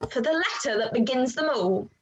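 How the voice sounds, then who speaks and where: A woman's voice: high-pitched, animated, moderate pace, slight background noise, low-quality recording. A woman reading the part of a witty young noblewoman in an amateur online play reading, with a dry manner. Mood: wry. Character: witty young noblewoman Beatrice, feeling unwell.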